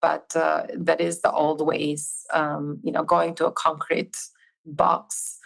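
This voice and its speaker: A woman's voice: deep voice, flat delivery, slow pace, creaky, rough recording. A woman from Albania, a podcast guest, speaking directly and emphatically over a video call in a casual interview. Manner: direct, emphatic about her views.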